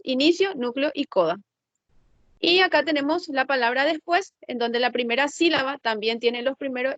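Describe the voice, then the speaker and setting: A woman's voice: high-pitched, dry recording, highs cut off. A woman teacher explaining a lesson in an online class, patiently checking that students follow along and thinking aloud as she works the slides. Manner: checks understanding with frequent tag questions.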